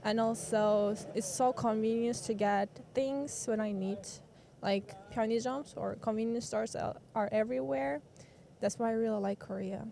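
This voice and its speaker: Gentle woman with a gravelly edge. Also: on the high side, normal speed. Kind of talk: street interview answer.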